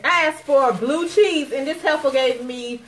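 A woman with a high voice hosts a casual mukbang eating show at home. She is chatty and given to complaining, talking straight to her viewers as y'all. There is some faint noise in the recording. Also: unhurried, a bit bright. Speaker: mukbang host. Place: dining table in a home living room. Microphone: camera across the table. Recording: noisy home room recording.

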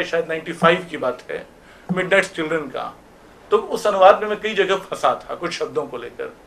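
A man's voice: sits high, a bit bright. A man giving a reflective memorial talk to an audience, reminiscing through anecdotes. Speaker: speaker at a memorial meeting. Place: auditorium.

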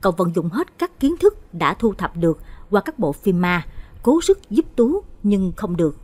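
A woman narrating a late-night horror story with a husky voice. Her pitch swings widely as she tells it with drama and expression. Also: very animated, moderate pace, dark tone.

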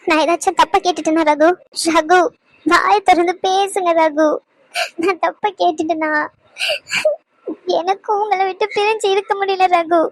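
Cartoon young wife, tearful and pleading, voiced by a woman; very high pitch. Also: no echo, rough recording. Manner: pleading, weepy.

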